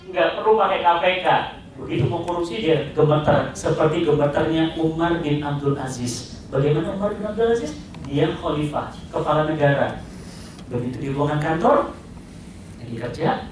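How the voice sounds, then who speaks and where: A male preacher giving an animated sermon, firing questions at the crowd and imitating car horns. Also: fairly high pitch, moderate pace. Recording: echoey hall, distant mic, noisy.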